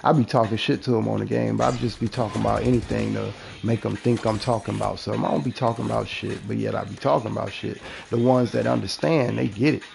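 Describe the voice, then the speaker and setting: A man's voice: fairly low pitch, fast, gravelly, hardly any pauses. A man in casual, profane storytelling chat who acts out the people in his stories as he talks. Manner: profane, animated, acts out quoted dialogue.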